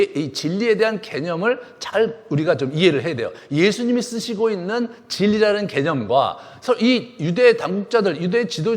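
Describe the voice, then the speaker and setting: A man preaching a sermon as pastor, acting out the words he quotes with lively delivery. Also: sits high. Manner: animated preaching, acts out quoted speech. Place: church sanctuary. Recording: long hall reverb.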